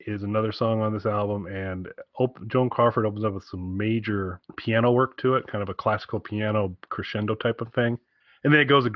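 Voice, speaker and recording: On a muffled recording with no room sound, a podcast co-host with a lowish voice gives album recommendations. He rambles in a casual, enthusiastic way and slips in wry comments.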